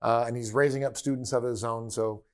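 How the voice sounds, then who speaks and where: A male host of an interview podcast with a mid-pitched voice. He keeps things friendly and informal, and his questions come out with frequent fillers and repeated words. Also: steady tone, brisk, clear, resonant tone. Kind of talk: conversational interview.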